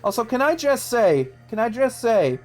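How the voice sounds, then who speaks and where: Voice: mid-range voice, sing-song, moderate pace, faint music behind. A streamer doing casual, joking commentary while playing a game.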